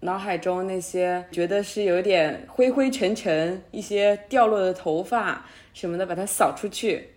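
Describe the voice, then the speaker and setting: Woman, medium pitch, casual chat, thoughtful, agreeable conversation partner. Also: normal speed, few pauses, darkish tone.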